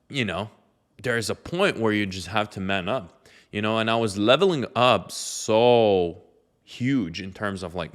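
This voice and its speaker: With a fairly low but fairly bright voice, a young Lithuanian man chats to the camera about his life. He gives advice loosely and conversationally, packing in plenty of fillers.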